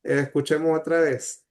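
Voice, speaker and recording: A man with a Salvadoran Spanish accent giving an online language class, pausing often with "eh" and checking in with "¿sí?". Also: fairly high pitch. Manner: hesitant, many "eh" fillers and "¿sí?" checks. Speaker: Nahuat language teacher.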